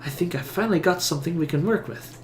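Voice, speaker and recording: A man voicing a fussy, eager woman scholar who speaks in brisk, clinical terms. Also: on the high side, slight background noise, natural voice. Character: eager, fussy female scholar studying souls.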